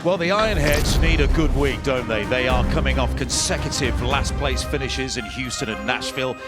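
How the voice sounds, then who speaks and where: Guy commentating golf highlights, medium pitched voice, loud music and noise behind him. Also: moderate pace. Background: music, outdoor noise.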